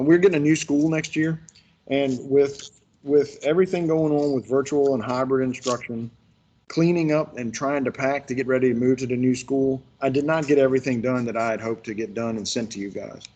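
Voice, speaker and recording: A man's voice: medium pitch, fairly even intonation, a little fast, a little mellow, dull audio. A man leading a workshop, telling folksy stories in a rambling way with lots of restarts. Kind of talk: casual virtual workshop instruction.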